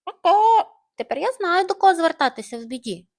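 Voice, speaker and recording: A timid, fussy little hen from a bedtime story, voiced by a woman. She squeaks high and fretful, her voice leaping about. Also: sing-song, fairly quick, darkish tone, heavily acted.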